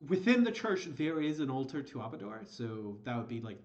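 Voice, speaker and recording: A man running a tabletop game as game master, narrating in a halting, hesitant way. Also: mid-range voice, very animated, darkish tone, lo-fi sound.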